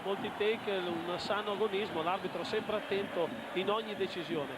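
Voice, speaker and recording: A man's voice: high-pitched, normal speed. A man serving as football co-commentator, giving live analysis of the play. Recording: loud outdoor stadium noise.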